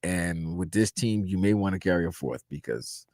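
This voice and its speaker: A man's voice: low voice, expressive, moderate pace, a little mellow, no echo, studio quality. A man co-hosting a sports radio show, breaking down the game emphatically, restarting his sentences. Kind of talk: postgame radio analysis.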